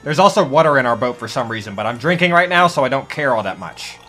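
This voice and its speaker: A man's voice: medium pitch, expressive, fast talker, music in the background. A man hosting a gaming video, chatting casually and profanely, joking and slipping into pirate talk. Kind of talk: casual gameplay chat.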